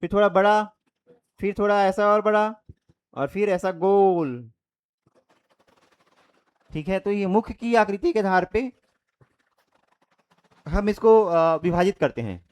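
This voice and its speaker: High-voiced man teaching a grammar class. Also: slow, long pauses, clear, resonant tone. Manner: explains step by step with repeated checks; demonstrates sounds by saying them aloud. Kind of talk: online Hindi grammar lesson.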